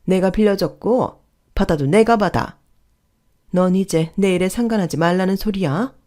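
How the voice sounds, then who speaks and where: A woman's voice: medium pitch, moderate pace, warm tone, close to an everyday voice. A woman voicing a stubborn older mother-in-law who scolds sharply and dismissively. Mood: shouting.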